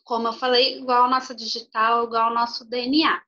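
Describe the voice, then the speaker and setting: Woman speech therapist, slightly higher voice. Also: level tone, fairly quick, pushed and bright, muffled recording. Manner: explanatory, uses frequent "tá bom?" check-ins. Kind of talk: informal health talk.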